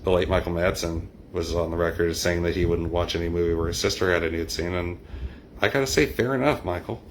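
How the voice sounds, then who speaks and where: Middle-aged male streamer, deep register, loose discursive chat to a live audience. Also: steady tone, quick pace, a little hiss or hum. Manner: rambling, discursive. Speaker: livestream host and poet. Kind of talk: casual chat with live viewers.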